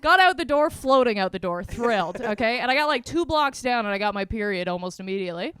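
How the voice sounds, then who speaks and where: Bright, clear young woman doing stand-up. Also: on the high side, fast talker, no echo. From Canada. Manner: animated, punchy, laughs at her own jokes. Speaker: stand-up comedian. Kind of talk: stand-up comedy set.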